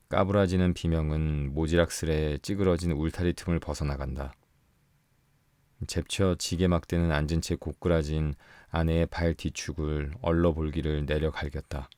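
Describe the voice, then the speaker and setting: A man reading a story aloud for sleep in an even, unhurried voice. His tone is very deep and mellow. It sits close to the mic and sounds dry, with no echo. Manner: calm, slow, soft storytelling. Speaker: audiobook narrator. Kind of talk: bedtime audiobook reading.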